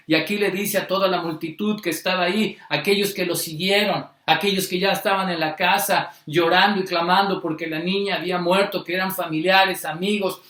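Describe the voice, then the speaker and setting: A man preaching a sermon, repeating phrases and slowing down on the key words for emphasis. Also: high voice, pushed and bright, echoey room.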